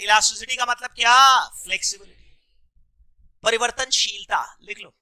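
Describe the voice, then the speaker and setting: A man's voice: high voice, bright, forceful tone. A male economics teacher lecturing a class, mixing terms into his speech and constantly prompting students to answer back. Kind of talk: classroom lecture with call-and-response questions.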